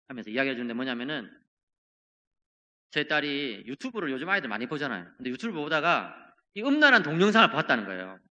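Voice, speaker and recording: A high-pitched, very bright male pastor preaching in a church. His voice rises and falls with wide, animated swings, and his words ring out with a long hall reverb. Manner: earnest, swings between loud emphasis and hushed tones. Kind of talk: sermon. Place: church sanctuary.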